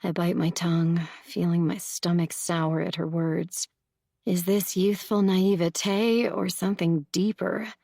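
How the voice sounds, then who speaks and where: Woman audiobook narrator, low voice, slow measured first-person read, dry close sound. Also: flat delivery, creaky, dark tone, dry recording.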